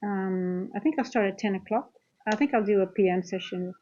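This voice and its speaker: Through dull lo-fi livestream sound comes a brisk, mid-range woman's voice with a dark tone. The host, a Dutch-accented trading coach from the Netherlands, keeps things informal and conversational, talking directly to her viewers and chat.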